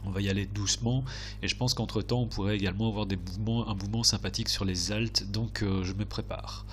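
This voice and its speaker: A man with a fairly deep voice talks through charts in an informal, hesitant way. His nose is blocked and his throat sore, so he sounds stuffy and nasal. Some background noise and hum sits behind him. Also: steady tone, quick pace, fairly bright tone. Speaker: host of a crypto chart analysis video. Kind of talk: casual technical commentary over charts.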